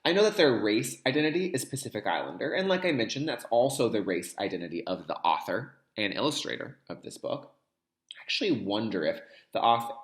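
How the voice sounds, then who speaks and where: A kindergarten teacher reads a picture book aloud in an echoey room, his lowish voice fairly bright. He speaks straight to the young children, explaining as he goes and repeating key terms to teach them.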